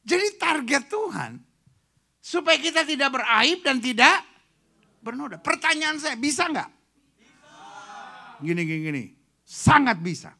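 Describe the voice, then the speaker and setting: A pastor preaching a lively sermon, swinging from shouts to soft joking asides and dropping in English phrases. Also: male voice, very high-pitched, a little slow, vocal fry, pauses often. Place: retreat meeting room.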